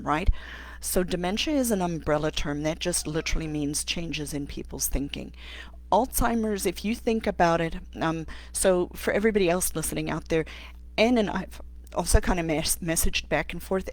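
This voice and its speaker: Low-voiced woman host. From South Africa. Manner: thinking aloud, many "um"s and restarts. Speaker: occupational therapist. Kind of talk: live-stream Q&A.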